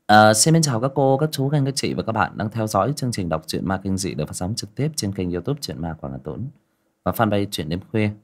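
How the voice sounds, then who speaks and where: A male host with a fairly low voice chatting with his livestream audience and then reading a ghost story. His delivery is chatty and lively, with big swings in pitch. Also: brisk.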